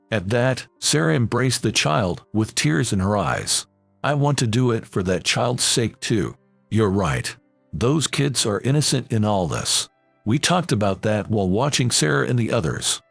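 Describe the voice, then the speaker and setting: A man's voice: on the low side, vocal fry, no room sound. A man reading a first-person drama story aloud as narrator, voicing every character in the same plain voice.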